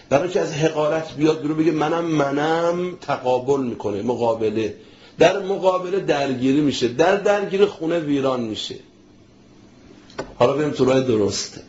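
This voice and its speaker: A man's voice: on the high side, darkish tone. A man preaching a sermon with passion, acting out family conversations. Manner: impassioned, acts out family dialogues. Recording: echoey, dull lo-fi recording.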